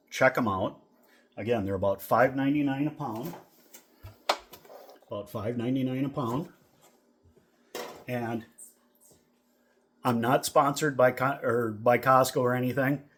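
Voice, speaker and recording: A middle-aged man from Minnesota casually reviewing food in a relaxed, rambling vlog with lots of fillers. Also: mid-range voice. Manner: rambling, easygoing, with many fillers. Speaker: vlogger.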